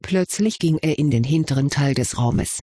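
A narrator reading a fantasy story aloud at a steady, even pace. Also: medium pitch, moderate pace, slightly rough, no echo, clean studio sound. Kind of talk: audiobook narration of fan fiction.

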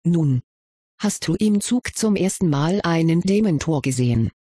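A reader voicing a curious, kindly male wizard professor in an audiobook, questioning gently with mild amusement. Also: mid-range voice, expressive, measured pace, slightly rough, no room sound. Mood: probing. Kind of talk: audiobook character reading.

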